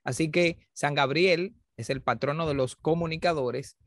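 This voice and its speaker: A man's voice: a little high, normal speed, fairly bright tone, no echo, studio quality. A man, the agency director, hosting with a formal, courteous welcome. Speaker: press agency director and host. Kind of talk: formal program introduction.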